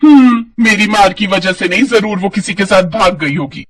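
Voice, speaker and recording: Man voicing a shrill bossy sister-in-law. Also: normal speed. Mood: scolding. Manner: scolding, yelling.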